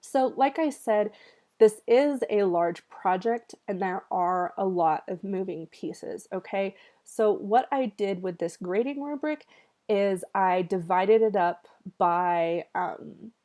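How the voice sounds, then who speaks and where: A woman's voice: mid-range voice, takes it slowly, warm tone. A woman teaching a college writing class in a recorded video lecture, with a slightly nasal voice from allergies and a conversational way of talking, full of ums and check-ins with students.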